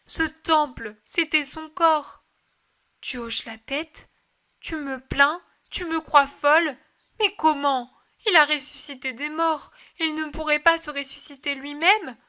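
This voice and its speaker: A woman's voice: on the high side, fairly even intonation, a little slow, bright, forceful tone. A woman reading aloud gives voice to a grieving mother who pleads and cries out in desperate faith. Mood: pleading. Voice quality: emotional pleading delivery.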